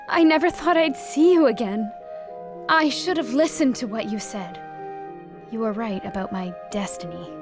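Woman as a young princess, soft and polite, slow careful speech, light music behind. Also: on the high side. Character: gentle young princess, female.

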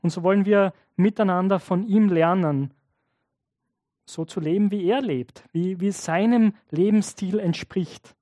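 A man's voice: high voice, a little slow, warm tone, dry recording. A man preaching a sermon, telling a story in a conversational way and addressing his listeners directly. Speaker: pastor.

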